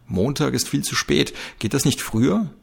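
A man's voice: mid-range voice, sing-song, normal speed, creaky, darkish tone, slightly rough, pitched above the performer's own voice, heavily acted. A man voicing a curt, demanding female chief inspector in a read-aloud crime story.

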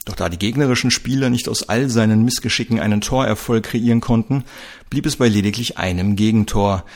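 Low gravelly male story narrator. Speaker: narrator of a crime serial. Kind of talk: scripted audio-drama narration.

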